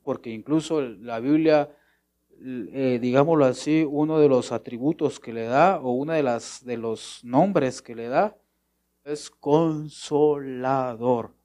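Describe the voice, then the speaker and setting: A man preaching a sermon to his congregation, asking questions and answering them himself, and now and then softly acting out a short prayer. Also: medium pitch, takes it slowly. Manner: acts out short prayers and replies in a softer voice.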